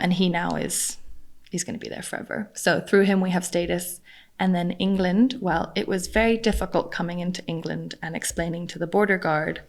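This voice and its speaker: A young adult woman, raised in Costa Rica, talking casually as a podcast guest, chatty and self-deprecating, laughing often. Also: fairly low pitch. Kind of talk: casual interview conversation.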